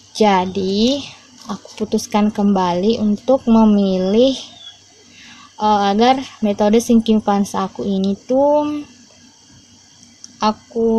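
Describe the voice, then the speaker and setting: A woman's voice: mid-range voice, mellow, a little hiss or hum. A woman vlogging in a casual, chatty way, counting bills aloud and talking to her viewers, a little out of breath. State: a bit out of breath. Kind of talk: casual money-counting vlog.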